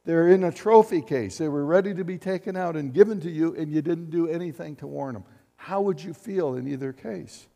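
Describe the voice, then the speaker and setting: A man preaching a sermon as pastor, animated and acting out quotes as he speaks. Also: fairly high pitch, fairly quick, vocal fry, in a large hall. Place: church sanctuary.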